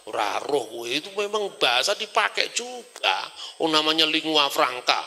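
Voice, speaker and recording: With a Javanese accent and a high voice, a man delivers an animated religious lecture. He poses rhetorical questions and slips into Javanese phrases as he goes.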